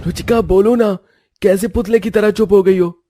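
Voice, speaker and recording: A man's voice: high voice, fairly even intonation, moderate pace, warm tone, no echo, clean studio sound. A man voicing a worried elder brother who asks his sister what is wrong. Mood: concerned. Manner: concerned questioning.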